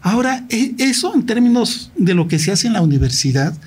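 A man's voice: sits high, sing-song, a little fast, darkish tone, husky. A middle-aged man with a Mexican accent speaking at a university talk, telling his own story candidly and directly and acting out past conversations. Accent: Mexican Spanish. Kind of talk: personal storytelling in a public talk.

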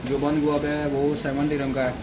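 A man who works at a food shop, talking through a face mask and briskly listing dishes and prices. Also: on the high side, completely flat delivery. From Pakistan. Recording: loud background noise.

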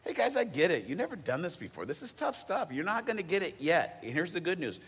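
A man preaching a sermon, swinging from loud emphatic lines to hushed, near-whispered ones, with casual asides while paraphrasing scripture. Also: a little high, wildly swooping pitch, fast talker, slightly rough. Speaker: teaching pastor. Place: church auditorium. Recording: long reverb of a large church hall.

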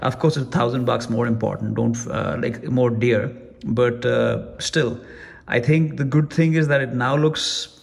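A man's voice: mid-range voice, steady tone, measured pace, vocal fry. A man giving a casual, rambling product review at home, chatty and full of restarts. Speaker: tech reviewer. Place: room at home.

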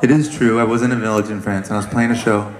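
A man, a musician, telling a story on stage into a microphone in an animated, wry way with lots of fillers. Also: lowish voice, fast. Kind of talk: onstage storytelling. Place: large ballroom venue. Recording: echoey live hall with loud crowd. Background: audience laughing.

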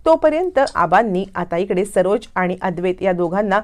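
A woman's voice: mid-range voice, expressive, normal speed. A woman retelling a TV serial episode in a fluent storytelling manner. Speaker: serial recap narrator.

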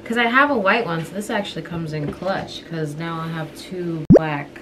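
A young woman vlogging at home, talking excitedly to her viewers in a casual, gushing way. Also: fairly low pitch, moderate pace, heavy background noise. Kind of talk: casual vlog chat to camera. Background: loud music playing.

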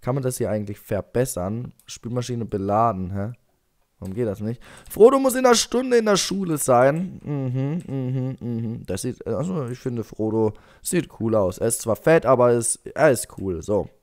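A man's voice: mid-range voice, normal speed, a little mellow. A young man commenting on his life-simulation game, chatting away to his characters and coaxing them along. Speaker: gaming YouTuber. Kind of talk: Let's Play commentary.

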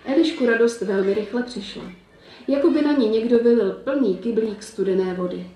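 Female storyteller reading a fairy tale, measured and calm, echoey and off-mic. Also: on the high side, a little hiss or hum. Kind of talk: reading a children's story aloud. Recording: roomy, distant, faint ambience.

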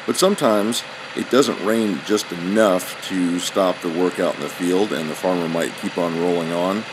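A man giving steady, explanatory scripted voice-over narration. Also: deep voice, normal speed, background noise. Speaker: channel narrator.

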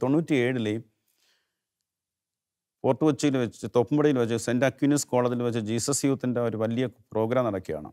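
Earnest man giving a halting testimony. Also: darkish tone. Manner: earnest, halting, voice drops low when moved. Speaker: interview guest giving testimony. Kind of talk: emotional personal testimony.

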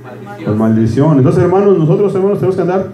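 A man's voice: high voice, lively intonation, racing, warm tone. A middle-aged man preaching a sermon as pastor. He keeps asking the congregation "right?" and slips English words into his talk. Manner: conversational, asks "¿verdad?" constantly, switches into English words. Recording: echoey room with faint hum.

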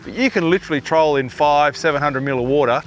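Speaking fast in a voice on the high side, a middle-aged fishing show host with an Australian accent explains technique in an informal, matey way. He's outdoors on a small boat on open water, and a little hiss or hum can be heard.

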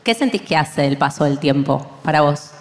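A woman hosting a live podcast, asking calm, measured questions. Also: deep voice. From Argentina. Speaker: podcast host. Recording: echoey hall from off-mic.

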